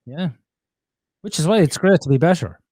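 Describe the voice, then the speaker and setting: Man, podcast guest, candid storytelling, blunt and swearing, slightly high voice, dry close mic. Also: normal speed, no room sound. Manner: blunt, swears freely, animated.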